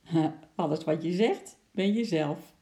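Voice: mid-range voice, a little slow, mellow, lightly acted. A reader voicing a kind young girl carrying a small monkey in a storybook. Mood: friendly. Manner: friendly, cheerful.

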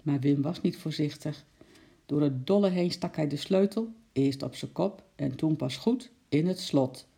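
A storyteller reading a children's story aloud in a calm narrating voice. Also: medium pitch, unhurried, creaky, husky.

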